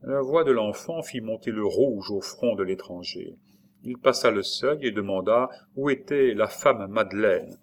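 A man reading a storybook aloud in a measured narrating voice. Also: lowish voice.

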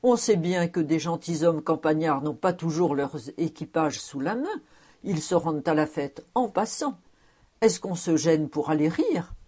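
A woman's voice: low voice, animated, a little slow, dark tone, husky, exaggerated voice. A woman reading the lines of a stout, pompous middle-aged male tax collector in a storybook, with exclaiming indignation. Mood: indignant.

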